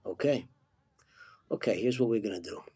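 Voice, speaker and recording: A man playing a childish mafia boss in a comedy sketch, speaking solemnly and deliberately like a fatherly godfather. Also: on the low side, mellow, husky. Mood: deliberate, scheming. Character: childish Italian-American mob boss, grave and fatherly. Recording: music playing under the voice.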